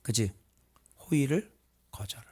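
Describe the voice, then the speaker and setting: A man preaching a conversational sermon as pastor, teasing the congregation with quick rhetorical questions. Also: mid-range voice, expressive, warm tone, husky.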